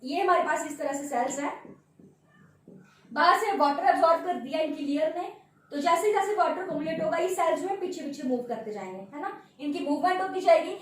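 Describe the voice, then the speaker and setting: A female biology teacher lectures at a board in a classroom style, turning key terms into questions, answering them, and constantly checking in with "है ना" and "ठीक है." Her voice is very high-pitched and a little fast. She is off-mic in a very echoey room, recorded from a distance.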